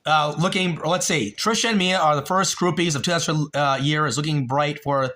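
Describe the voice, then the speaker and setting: A man's voice: a little high, moderate pace, pushed and bright. A man in his late thirties hosting a livestream, telling a rambling, profane story and talking to chat viewers by name. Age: 30s. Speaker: livestream host.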